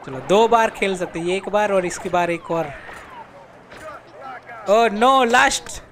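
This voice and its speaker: High-voiced playful young gaming streamer. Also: male voice, normal speed, slight background noise. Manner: playful, jokey, exclaims and pleads in mock despair. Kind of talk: live game commentary.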